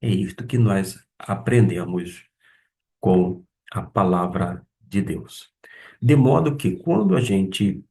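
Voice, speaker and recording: A man teaching a Bible Greek lesson, pausing to sound out and repeat words as he explains them. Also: sits low, animated, creaky, warm tone, distant mic, slight background noise.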